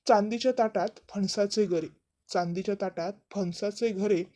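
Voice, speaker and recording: A woman voicing a quiet, restrained young bride. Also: medium pitch, fairly even intonation, normal speed, lightly acted.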